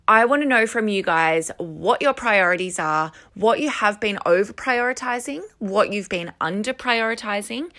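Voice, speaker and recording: A woman's voice: mid-range voice, fairly bright tone. Woman podcasting through a headphone mic. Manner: earnest, conversational, encouraging. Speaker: podcast host and coach. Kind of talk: solo podcast talk to listeners. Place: room at home. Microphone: headphones used as microphone.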